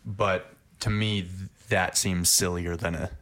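A man's voice: deep voice, fairly even intonation, measured pace, a bit bright. A man co-hosting a casual discussion, sharing his opinions in a reflective way. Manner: reflective, offers opinions thoughtfully.

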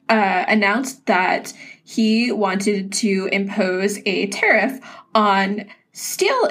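A woman with a husky, slightly breathy voice talks through the news in loose, casual chat. She laughs easily, swears without a second thought and leans on fillers. Her pitch sits in an ordinary middle range. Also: fairly bright tone. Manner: chatty, laughing, swears freely. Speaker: podcast co-host. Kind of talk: casual chat over drinks.

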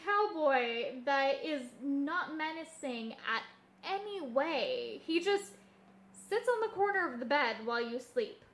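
A woman with a high-pitched voice co-hosts a casual chat about hauntings. She takes her time as she tells stories, informal and a little hesitant as she thinks aloud. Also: lively intonation, slow, a bit bright. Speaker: podcast co-host.

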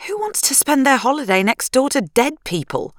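A woman's voice: high voice, sing-song, normal speed, dry recording, clean studio sound, pitched above the performer's own voice. A woman voicing a fretful, intense wife. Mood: anxious. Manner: fretful, pleading, rising emphasis. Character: anxious, intense young married woman.

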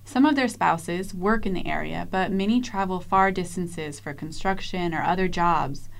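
A woman field reporter reading a measured, descriptive scripted news narration. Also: on the low side, gravelly.

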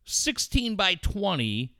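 A man's voice: high-pitched, sing-song, slow, pushed and bright, dry recording, clean studio sound. A middle-aged man from Southern California hosting talk radio, rambling and swearing in casual banter. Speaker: radio show host.

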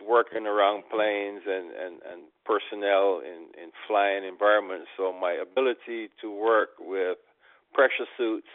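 An older man from Barbados answering interview questions in a measured, plain way. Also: lowish voice, dry recording. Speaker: patient, guest. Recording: dry tinny phone-like sound.

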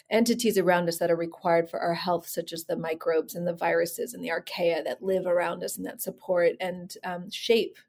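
Woman, middle-aged, Bay Area, lowish voice, reflective and measured, interview guest. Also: a little mellow. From San Francisco Bay Area. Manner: reflective, measured, many fillers. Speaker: physician and co-author. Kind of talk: interview conversation.

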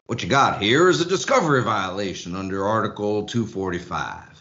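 A man's voice: fairly low pitch, expressive, a little fast, sharp tone. A man voicing a stern, folksy rural judge who lectures in a country drawl. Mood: lecturing. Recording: muffled lo-fi audio.

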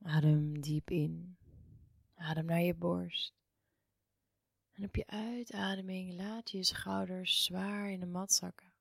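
A woman guiding a relaxation meditation in a soft, hushed, near-whispered voice, soothing and unhurried, with long pauses. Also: fairly low pitch, steady tone, creaky, dry recording, clean studio sound. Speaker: yoga and meditation guide.

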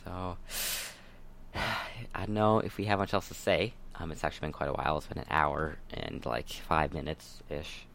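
A young man with an extremely deep, low voice chats casually as a podcast co-host. He rambles and hesitates, stopping often to hunt for words. A faint hiss sits under his voice. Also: flat delivery, moderate pace, vocal fry, a bit bright.

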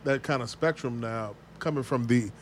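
A man's voice: mid-range voice, normal speed, a little hiss or hum. A man hosting a casual interview, asking long rambling questions and restarting them as he goes. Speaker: podcast host.

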